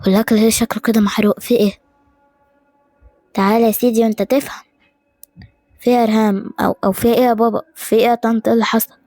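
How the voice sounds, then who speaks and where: A woman voicing a puzzled young man with an Egyptian accent, asking questions in a low voice. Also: flat delivery, rapid-fire, long pauses, a little mellow, no room sound.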